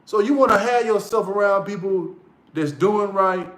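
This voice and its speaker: A man's voice: high voice, normal speed, fairly bright tone. Blunt, profane man in an echoey room. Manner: blunt, profane, repeats key lines for emphasis. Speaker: motivational vlogger. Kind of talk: casual motivational monologue.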